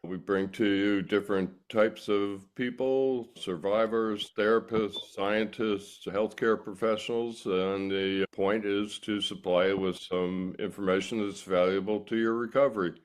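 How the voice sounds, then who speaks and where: Low-voiced man hosting a meeting. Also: fairly even intonation, a little slow, few pauses. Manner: friendly, announcer-like introduction. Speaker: host of a stroke recovery meeting. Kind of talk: casual online meeting intro. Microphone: video call.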